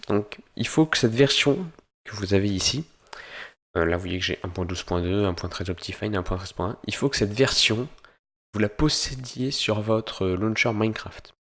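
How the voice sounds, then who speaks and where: A man hosting a software tutorial, explaining each step in turn and often pausing to search for words. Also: on the low side. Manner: step-by-step explaining, stringing steps with "donc"; hesitant, with frequent pauses to search for words. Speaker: host of a gaming tutorial channel. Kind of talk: screen-recorded software tutorial narration.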